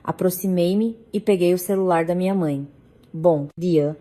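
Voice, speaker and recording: A woman narrating a first-person family drama in a measured, even storytelling manner. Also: on the low side.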